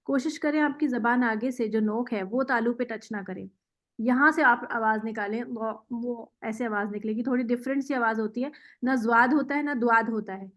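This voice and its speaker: A woman teacher, a native Urdu speaker, patiently explaining letter sounds step by step and modelling them slowly. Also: fairly high pitch, fairly bright tone, muffled recording. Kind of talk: patient pronunciation instruction.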